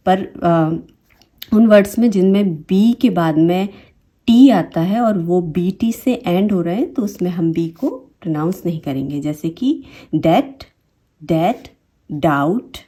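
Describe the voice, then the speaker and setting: Woman teaching English phonics, dark voice. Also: medium pitch. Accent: Indian English. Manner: repeats each example word twice, explains patiently. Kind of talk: phonics lesson.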